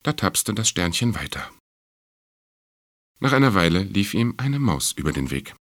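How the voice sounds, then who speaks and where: A man calmly and gently reading a children's story aloud. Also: low voice, moderate pace, no room sound, studio quality.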